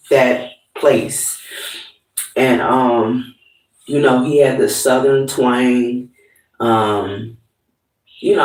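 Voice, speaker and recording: A man hosting a livestreamed talk show from his bathroom, chatting casually and profanely to viewers with lots of filler words. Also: mid-range voice. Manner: loose and profane, rambling with fillers. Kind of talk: casual monologue to live viewers. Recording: hollow echoey room, distant mic.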